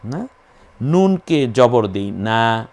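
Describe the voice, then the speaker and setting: A man's voice: medium pitch, big pitch swings, very slow, vocal fry, a little mellow. A man teaching Quran recitation, patiently spelling out and repeating each letter and sound in a methodical lesson.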